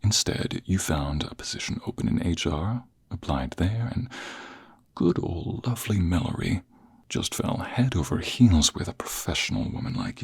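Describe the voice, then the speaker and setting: For an intimate second-person ASMR romantic roleplay, a man plays a smug, suited office rival who teases and flirts aggressively in a mocking mood. His extremely deep, very husky, exaggerated voice often sinks toward a breathy whisper as he slowly and deliberately draws out each taunt.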